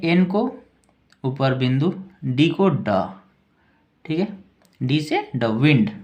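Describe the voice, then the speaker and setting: Man teaching spelling slowly, letter by letter. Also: fairly high pitch, lo-fi sound. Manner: spells words out slowly letter by letter, many "thik hai" checks. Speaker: English teacher, channel host. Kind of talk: spoken language lesson.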